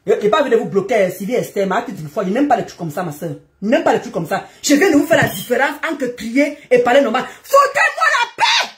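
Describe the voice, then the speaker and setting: A woman, ranting loudly at commenters during a live stream, combative and often shouting. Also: on the high side, expressive, quick pace, hardly any pauses. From Cameroon.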